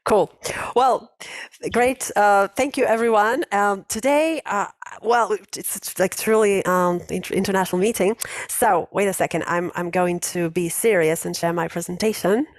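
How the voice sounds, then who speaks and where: A woman in her 40s hosts a casual online English conversation class, her medium-pitched voice moving at a normal pace. She's chatty, laughs a lot and often restarts her sentences, and the sound is dry and close like a video call, with no room sound.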